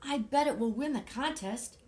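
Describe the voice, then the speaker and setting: A woman voicing a big, friendly, enthusiastic storybook bird in a loud, eager, encouraging manner. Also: high voice, moderate pace, noisy background, voice pushed up, natural voice. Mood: excited.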